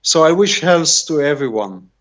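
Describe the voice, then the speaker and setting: A man's voice: a little high, expressive, a bit bright. A middle-aged man from Israel with an Israeli accent, a native Hebrew speaker, talking casually as an interview guest and often searching for words over a video call. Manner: halting, rambling, searching for words. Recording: dull, lo-fi video call audio.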